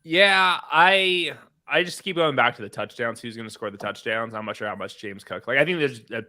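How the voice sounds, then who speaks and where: A man on a casual podcast, talking as a co-host analyst in a relaxed, rambling way. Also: mid-range voice, a little fast.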